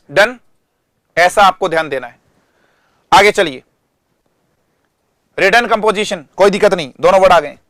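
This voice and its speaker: A man teaching English vocabulary in an online class, explaining in Hindi and reading English example sentences slowly with stress, often asking the students questions and answering them himself. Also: high voice, fairly bright tone, clean tone, no echo. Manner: addresses students directly, asks and answers himself.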